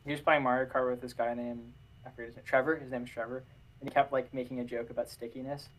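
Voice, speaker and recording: Animated young man in a casual chat. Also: medium pitch, fast, slight background noise. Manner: animated, jokey, trips over words. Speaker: podcast co-host.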